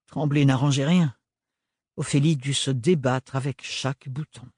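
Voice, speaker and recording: A man reads a novel aloud in a measured storytelling voice, with a husky grain to it. The recording is dry and close, with no room sound. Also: mid-range voice, darkish tone, dry recording. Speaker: audiobook narrator. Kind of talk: scripted novel narration.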